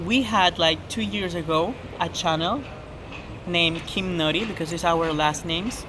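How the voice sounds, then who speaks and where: An eighteen-year-old channel host runs a casual Q&A chat, chatty and giggly, her English grammar loose. Her voice is fairly low and a little slow, and a noisy hiss runs under the recording.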